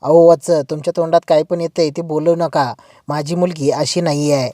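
A woman's voice: sits low, fairly even intonation, moderate pace, dark tone, no room sound, studio quality, close to an everyday voice. A woman voicing a worried mother who defends her daughter. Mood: defensive. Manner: pleading, defensive. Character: anxious protective mother.

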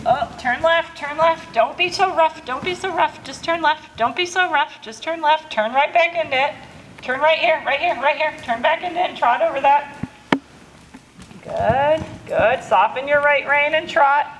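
A woman's voice: high-pitched, normal speed. A woman riding coach calling out short, repeated instructions across a large indoor arena, recorded from a distance. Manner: repetitive short commands. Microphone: distant camera microphone. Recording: distant, very echoey indoor arena, some noise.

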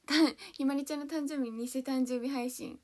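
A woman's voice: high voice, fairly even intonation, normal speed. A young woman chatting casually on a livestream, bubbly and giggly, reading out and thanking viewers' comments one by one. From Kanto, Japan; born in Hiroshima. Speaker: idol livestreamer.

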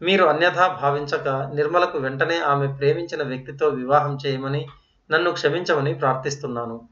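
A man's voice: fairly high pitch, steady tone, fairly quick, fairly bright tone, distant mic, close to an everyday voice. A man voicing an earnest, polite young student. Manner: respectful, earnest and restrained. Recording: roomy, dull lo-fi.

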